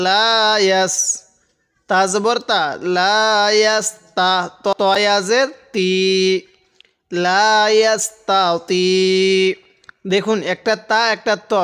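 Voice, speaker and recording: A man's voice: high voice, fairly even intonation, moderate pace, a bit bright, clean tone. A man teaching Quran reading, spelling out each letter and syllable, then chanting the verses drawn out. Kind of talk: slow spelled-out Quran recitation lesson.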